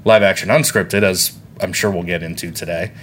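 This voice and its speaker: A man's voice: low voice, fairly even intonation, moderate pace, fairly bright tone, a little hiss or hum. A man co-hosting a podcast in casual chat, talking in a wry, rambling way. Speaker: podcast co-host.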